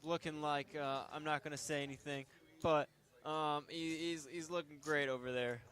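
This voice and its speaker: A man's voice: a little high, fairly even intonation, normal speed, a bit bright. A young man casually commentating a poker game on a stream, joking and rambling with fillers.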